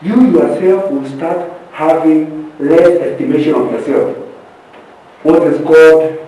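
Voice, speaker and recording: A man's voice: fairly high pitch, slow pace, warm tone, a little hiss or hum. A man leading a group session on leadership, stressing his points by repeating them and checking in with the class. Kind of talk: interactive teaching session. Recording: echoey room, distant from the mic.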